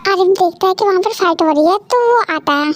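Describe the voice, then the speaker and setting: A woman's voice: very high-pitched, a little fast. A woman narrating a fan love story and speaking the heroine's lines in a scolding, caring way. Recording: faint music underneath. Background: soft background music.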